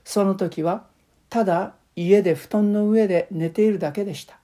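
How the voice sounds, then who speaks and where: Woman preacher, mellow warm tone, calm measured sermon delivery. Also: medium pitch.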